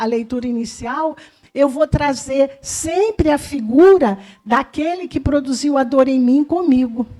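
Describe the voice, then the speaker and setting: A woman's voice: high-pitched, a little mellow. A middle-aged Brazilian woman giving a conversational spiritist talk, often acting out quoted voices and questioning her audience. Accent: Brazilian Portuguese. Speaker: spiritist lecturer. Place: lecture hall.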